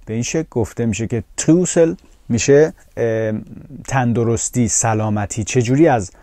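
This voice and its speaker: A man of ordinary pitch leads a language lesson, saying each phrase slowly and repeating it before explaining it with small hesitations. His voice is recorded close and dry, with no room sound. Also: mellow, no room sound. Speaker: language teacher.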